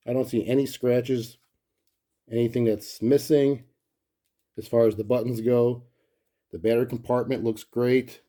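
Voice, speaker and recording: Guy doing a casual hands-on gadget review, really mellow dark voice, easygoing, kinda thinking out loud. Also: medium pitch. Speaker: collector presenting a gadget review. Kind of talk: casual hands-on product showcase, unscripted.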